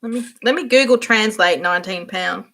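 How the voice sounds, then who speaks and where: A young woman hosts a relaxed livestream, chatting as she goes and giggling often. Her voice has a touch of gravelly fry, and she answers viewers by name in a friendly, rambling way. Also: medium pitch, a little fast. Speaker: livestream host. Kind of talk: casual livestream chat while journaling.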